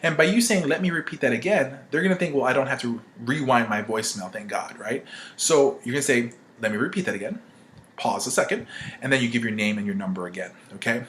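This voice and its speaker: This man speaks quickly in a mid-range voice with a fairly bright tone. He gives an informal marketing-training talk with acted-out example calls, conversational and emphatic, often asking "right?" as he makes his points.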